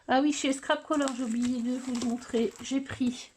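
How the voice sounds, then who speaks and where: A woman's voice: sits high, steady tone, moderate pace, a little mellow, slight background noise. A middle-aged woman in casual chat, showing off her craft purchases on her video channel and talking hesitantly, with many filler sounds and restarts. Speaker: scrapbooking vlogger.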